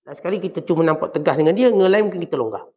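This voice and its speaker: A man with a Malaysian Malay accent preaching to a congregation, often acting out the quoted speakers in soft and in harsh voices. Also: fairly high pitch, rapid-fire. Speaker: religious teacher. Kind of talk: sermon. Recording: dull lo-fi recording.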